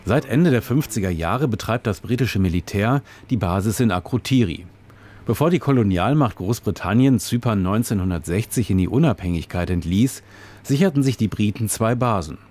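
A male reporter narrates a scripted radio report with a fairly low voice. His delivery is measured and descriptive, laying out scenes and background in an even flow.

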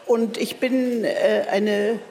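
An older woman writer from Berlin, originally from East Germany, answers interview questions as a guest speaker. Her voice is a little high with fairly even intonation, very slow, with a darkish tone. She's hesitant, wry and self-mocking, with many fillers and restarts.

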